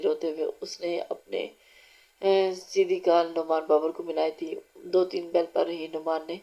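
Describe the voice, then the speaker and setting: Low, flat woman narrating a novel. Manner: steady, unhurried reading with small restarts. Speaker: audiobook narrator. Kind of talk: reading a romance novel aloud. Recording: dull lo-fi recording.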